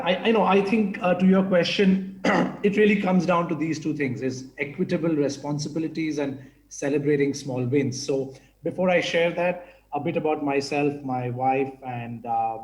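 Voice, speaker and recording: A man from India speaks casually as a panelist in an online forum with slides, using lots of filler words. His voice is a little high and slightly mellow, at a moderate pace. The audio comes through a video call and is reverberant and poor.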